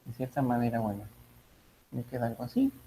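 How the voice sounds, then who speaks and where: A man's voice: medium pitch, expressive, a little fast, warm tone, a little hiss or hum, poor audio. A man teaching a physics class, thinking aloud, correcting himself and checking in with his students. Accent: Mexican Spanish. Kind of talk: online class lecture.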